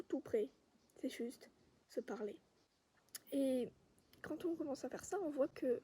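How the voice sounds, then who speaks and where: A woman vlogger giving a calm, reflective monologue outdoors among trees, sometimes dropping to a whisper. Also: high-pitched, husky. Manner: calm, soft-spoken, sometimes drops to a whisper.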